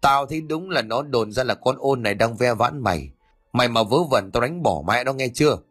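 Man doing a cranky old granny, cussing and bossing everyone, husky. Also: mid-range voice, expressive, fairly quick, a bit bright, faint music behind. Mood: scolding. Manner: coarse, bossy scolding. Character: foul-mouthed, scolding elderly mother-in-law.

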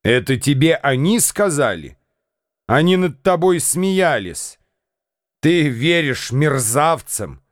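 An actor reading a contemptuous, impatient young bully in a radio play. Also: male voice, a little high, big pitch swings, takes it slowly, no room sound, studio quality. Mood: scornful. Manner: snapping, contemptuous. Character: rough, bullying young man, scornful and impatient.

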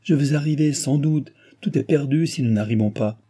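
A frantic young noblewoman, as a man puts her on, cries out in a high, pleading falsetto. Beneath the raised pitch the tone stays husky and dark. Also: moderate pace, lightly acted. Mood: coaxing.

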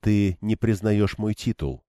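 A stern young woman of command speaks coldly and firmly, voiced by a man reading an audiobook. The voice sits low and dark, and every word is clipped. The recording is dry and close. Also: measured pace, no echo, close to an everyday voice. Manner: cold, clipped and firm.

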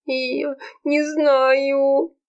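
A woman's voice: flat delivery, very slow, muffled recording, heavily acted. A woman reading an audiobook, voicing a tearful young woman who sobs and wails as she talks about love. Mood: despairing. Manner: wailing, high and strained. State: sobbing. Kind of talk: audiobook character voice.

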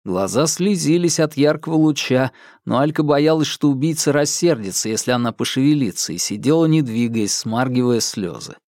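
A man narrating an audiobook in a steady, tense storytelling manner. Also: mid-range voice, moderate pace, hardly any pauses, no room sound, studio quality. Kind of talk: scripted narration.

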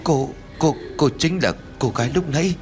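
A man's voice: on the high side, normal speed, music in the background, pitched above the performer's own voice, lightly acted. A man doing a stammering, scared old villager. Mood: frightened. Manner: stammering, bewildered. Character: frightened old village man, injured and confused.

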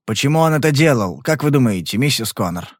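A cool, persistent private detective who presses every question calmly and bluntly, read by a man. His voice is of middling pitch and sounds close and dry. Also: fast, dry recording, lightly acted. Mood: probing. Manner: calm, probing, blunt.

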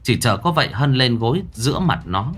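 A man narrating a story in a dramatic, animated way. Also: mid-range voice, brisk, husky, soft background music. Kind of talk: scripted storytelling.

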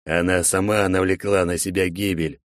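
A man voicing a calm, cold emerald dragon. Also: sits low, no echo, studio quality, natural voice. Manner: calm, measured.

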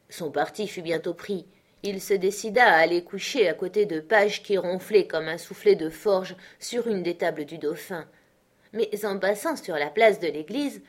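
A woman reading a classic novel aloud in a measured storytelling manner. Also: on the low side. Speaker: audiobook narrator. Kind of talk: literary audiobook narration.

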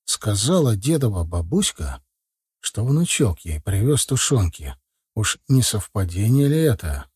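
A man narrating an audiobook in a lively storytelling manner. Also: fairly low pitch, measured pace, breathy edge, no room sound, clean studio sound.

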